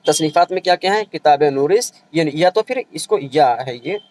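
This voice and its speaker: A man with a fairly high voice teaches an exam-revision class, going over each point more than once. His delivery is patient and methodical. He checks in with his students often to make sure they are keeping up. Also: normal speed, darkish tone, rough recording. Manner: explains patiently, repeats points, often checks with "theek hai". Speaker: Urdu exam-prep teacher. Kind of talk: online revision lecture.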